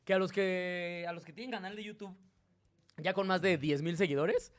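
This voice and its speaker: A man's voice: high-pitched, fairly even intonation, moderate pace. A Mexican man hosting a live stream, teasing, swearing and laughing in casual banter. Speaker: host.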